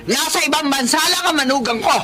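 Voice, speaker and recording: A woman's voice: sits high, brisk, sharp tone, soft background music. A woman playing a harsh, haughty rich matron. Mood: furious. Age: middle-aged. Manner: scolding, harsh. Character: cruel wealthy mistress, harsh and haughty. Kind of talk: radio drama acting.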